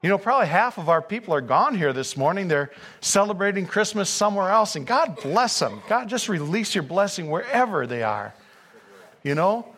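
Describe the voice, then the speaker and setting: Man, pastor, sermon, high voice, earnest, fervent. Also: sing-song, moderate pace, fairly bright tone. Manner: earnest, rising to fervent emphasis.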